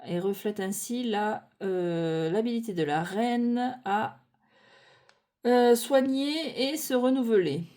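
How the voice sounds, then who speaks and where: With a warm voice on the high side, a French-speaking woman leisurely walks through her tarot cards one by one. She reasons aloud, peppering her speech with fillers and often starting over or correcting herself.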